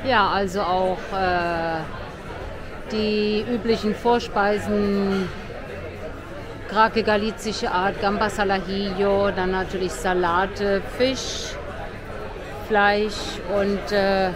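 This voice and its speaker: Amid busy crowd noise, a woman takes her time narrating a laid-back seaside promenade tour for her vlog, chatting and indicating sights along the way. Her mid-range voice keeps a steady tone.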